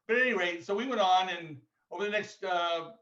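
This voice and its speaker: A man in his sixties telling a halting, rambling story of his student days on a video call. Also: high voice, fairly bright tone. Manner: halting, rambling, many restarts. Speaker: former athlete sharing memories. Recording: echoey, distant, dull video call audio.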